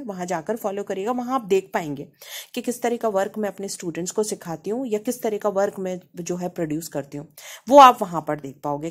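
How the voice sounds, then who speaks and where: A woman from India with an Indian accent, giving a casual painting tutorial in a chatty way and often checking in with her viewers. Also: medium pitch. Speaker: painting teacher.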